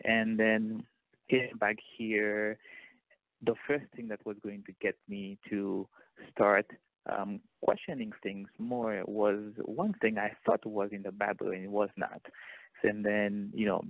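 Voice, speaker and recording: A man from Haiti, a guest telling his story in a measured, thoughtful way. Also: fairly low pitch, gravelly, dry recording. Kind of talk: interview over a call. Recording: tinny phone line, dry.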